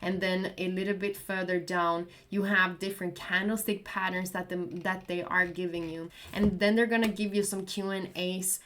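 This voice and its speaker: Speaking with a Swedish accent, Swedish being her native tongue, this woman vlogs about crypto trading, earnestly and casually recommending things to camera while encouraging viewers and repeating points. Her lowish, slightly bright voice is flat, at a moderate pace, with hardly any pauses.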